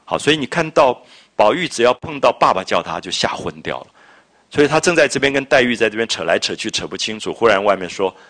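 A man lecturing on a classic novel, retelling scenes and explaining old phrases in a chatty, lively way. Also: fairly low pitch, quick pace. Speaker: literature lecturer. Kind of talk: storytelling literature lecture.

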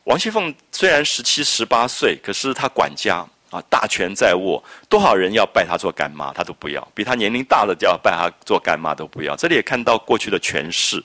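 A man giving an animated classroom lecture on a classic novel, explaining and reading out quoted dialogue. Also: lowish voice, brisk, hardly any pauses, no room sound. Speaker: literature lecturer.

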